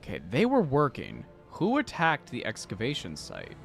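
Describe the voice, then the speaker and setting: A man giving casual gameplay commentary, thinking aloud excitably and reading game text. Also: medium pitch, normal speed, vocal fry. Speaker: game streamer. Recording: music behind.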